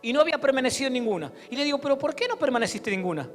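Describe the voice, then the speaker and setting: A man from Argentina with a Rioplatense accent, preaching a sermon as pastor and building to loud exhortation. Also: extremely high pitch, sing-song, racing. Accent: Rioplatense Spanish. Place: church hall. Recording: long church hall reverb, faint music.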